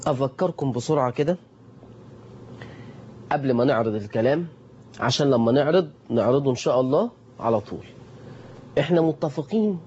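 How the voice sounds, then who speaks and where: Egyptian man, recitation teacher, questions and answers for his class, mellow dark voice, dull lo-fi sound. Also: medium pitch, a little hiss or hum. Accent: Egyptian Arabic. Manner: asks the class questions and answers them himself, repeats key points. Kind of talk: tajweed lesson.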